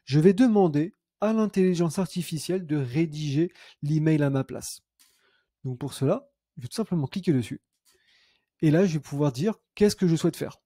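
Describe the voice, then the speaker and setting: Dark-voiced man talking through a tutorial. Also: on the high side, normal speed, breathy edge, no room sound, studio quality. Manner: chatty, self-correcting, thinks aloud with fillers. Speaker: CRM consultant demoing software. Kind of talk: screen-recorded software tutorial.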